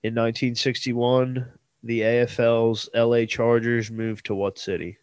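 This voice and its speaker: A young man with a stuffed-up, nasal voice co-hosts a casual sports podcast, reading history trivia in a rambling way full of fillers and restarts. His voice is medium-pitched and fairly flat, a little slow, with a darkish, clean tone and no echo.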